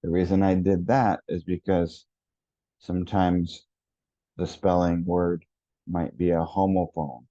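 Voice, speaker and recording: Slow, deep-voiced teacher trainer. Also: male voice, level tone, warm tone, dry recording, highs cut off. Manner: slow, deliberate, repeats words for emphasis. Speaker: education consultant.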